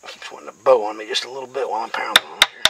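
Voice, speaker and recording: Animated and racing along in a lowish voice, a middle-aged man demonstrates bushcraft outdoors amid heavy background noise. He carves a stick on a wooden board, giving plain step-by-step explanations as he goes.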